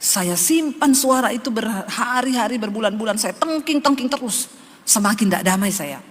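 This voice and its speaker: A woman's voice: fairly high pitch, expressive, moderate pace, big-room sound. A woman pastor preaching a sermon in an emphatic, conversational way, turning to the congregation again and again.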